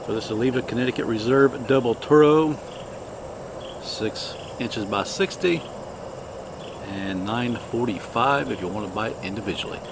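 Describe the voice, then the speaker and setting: A man hosting a casual product review, talking in an unhurried, halting, plainspoken way. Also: medium pitch, creaky, noisy background. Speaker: cigar review host.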